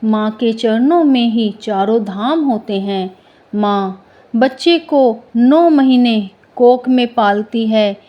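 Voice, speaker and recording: Slow, high-voiced woman storyteller. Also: dark tone. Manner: slow, tender recitation. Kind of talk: devotional poem and story narration.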